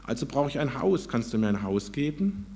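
A man's voice: medium pitch, big pitch swings, brisk, creaky, mellow. A man voicing a restless boy who grows into a weary old man in a storybook reading, with a curt, demanding delivery.

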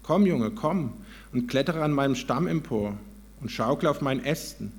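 A man voicing a gentle, loving old apple tree in a storybook reading, in a tender, pleading tone with a lifted pitch. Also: lively intonation, normal speed, in a large hall, lightly acted. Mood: coaxing.

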